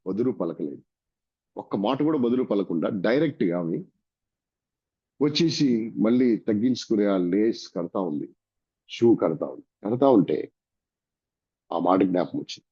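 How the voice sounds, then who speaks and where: A man's voice: deep voice, warm tone, husky. A man from India with a Telugu accent preaching a sermon, telling a story and acting out its dialogue. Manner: dramatic, acts out the dialogue of the story. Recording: dull lo-fi recording.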